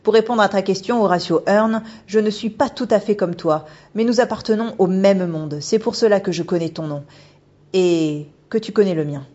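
A woman's voice: mid-range voice, normal speed, warm tone, highs cut off, natural voice. A woman voicing a mysterious, haughty shapeshifting otter spirit in an audiobook, commanding and knowing. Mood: imperious. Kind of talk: audiobook character voice.

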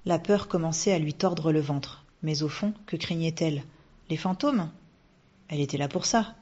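A woman narrating a children's storybook in a steady, measured reading voice. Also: low-pitched, husky. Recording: dull lo-fi recording.

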